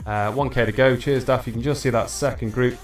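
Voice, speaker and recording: A man's voice: medium pitch, fairly quick, faint music behind. A man hosting a livestream, commentating a virtual bike race in a chatty way and talking to viewers. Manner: excitable, shouts at the finish, chatty with viewers.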